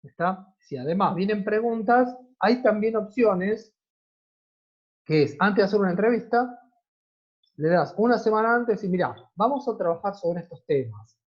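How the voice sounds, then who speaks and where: A man's voice: high-pitched, animated, moderate pace, muffled recording. A man with an Argentine accent teaching a class online, often checking in with his students and asking questions that he answers himself. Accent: Argentine Spanish. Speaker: university teacher.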